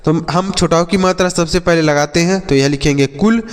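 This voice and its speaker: Man, patient classroom teacher, slightly high voice, long reverb. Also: fairly even intonation. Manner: patient, slows to drill words and quiz pupils. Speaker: English teacher. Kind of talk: classroom reading lesson for children.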